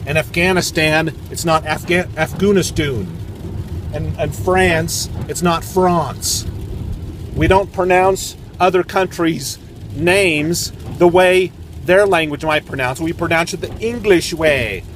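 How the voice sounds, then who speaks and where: A man's voice: on the high side, unhurried, background noise. A man delivering a sarcastic, mocking political rant, repeating words in a singsong way. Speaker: political commentator. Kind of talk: ranting monologue.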